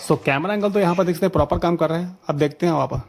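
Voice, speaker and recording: A man casually talking viewers through a gaming setup tutorial, chatty and excited, calling them friends. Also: on the high side, rapid-fire, music in the background. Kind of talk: casual screen-recorded tutorial commentary.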